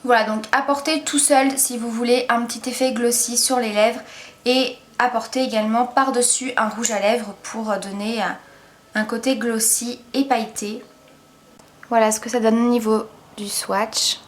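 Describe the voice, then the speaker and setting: A woman's voice: a little high, steady tone, moderate pace. A woman giving a casual makeup product review as a beauty vlogger, chatty and enthusiastic, with lots of hesitant fillers. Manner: enthusiastic, gushing about products.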